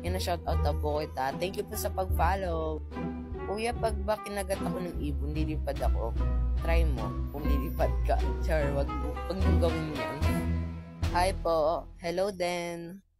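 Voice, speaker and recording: A man with a voice that sounds like a woman's, reading viewer comments aloud in casual chat and answering them with playful, teasing quips. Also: fairly high pitch. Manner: playful, teasing, quick deadpan replies. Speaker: gaming content creator. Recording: clear background music. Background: music playing under the voice.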